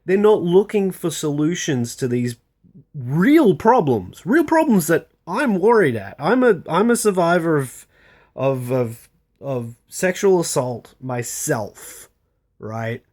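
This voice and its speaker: A person on an unscripted rant, speaking bluntly and with exasperation, swearing at times and repeating phrases for emphasis in a halting way. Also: medium pitch, big pitch swings, darkish tone. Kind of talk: unscripted opinion rant to camera.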